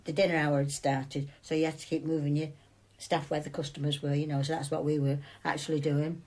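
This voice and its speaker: A woman's voice: sits low, level tone, brisk, darkish tone. An older woman, once a store supervisor, recalls events in a chatty, rambling interview. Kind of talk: conversational interview recollection.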